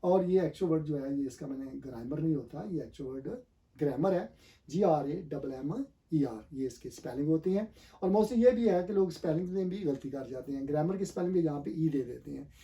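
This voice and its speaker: A man's voice: on the high side, brisk, warm tone, recorded from a distance. A man teaching a pronunciation lesson, asking and answering his own questions and spelling words out letter by letter. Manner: hesitant, many fillers and restarts.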